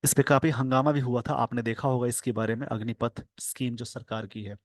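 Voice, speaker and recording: Indian guy teaching english from a newspaper editorial, reads the english bits real slow, dry close sound. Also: mid-range voice, level tone, no room sound. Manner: reads English slowly, explains in Hindi.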